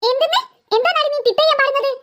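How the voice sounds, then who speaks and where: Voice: very high-pitched, fast talker, fairly bright tone. A voice actor playing a short-tempered mother in a cartoon who scolds her daughter impatiently. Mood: scolding. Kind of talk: cartoon voice acting.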